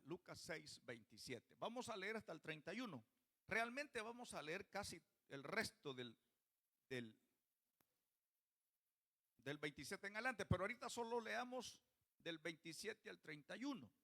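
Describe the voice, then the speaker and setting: A high, bright male voice delivers a church sermon. He keeps questioning the congregation as he preaches. His tone is sharp and forward. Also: sing-song, normal speed, creaky. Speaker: pastor.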